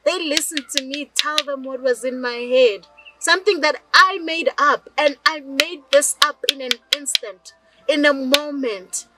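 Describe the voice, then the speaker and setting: High-voiced South African woman storyteller. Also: unhurried, over loud music, low-quality recording. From rural South Africa. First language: Northern Sotho (Lobedu). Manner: chatty, addresses viewers directly with rhetorical questions. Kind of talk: direct-to-camera personal vlog.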